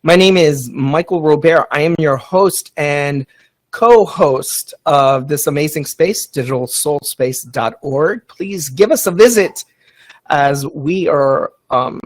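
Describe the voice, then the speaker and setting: A man's voice: fairly high pitch, slow pace. A man hosting a casual live podcast, enthusiastic and rambling with many ums and uhs. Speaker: podcast host.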